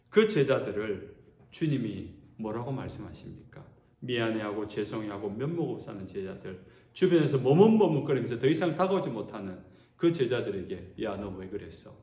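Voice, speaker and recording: A male pastor delivers an animated sermon, his mid-pitched voice swooping up and down with feeling. The sound is roomy, carrying the echo of a church sanctuary. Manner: animated preaching, acting out quotes.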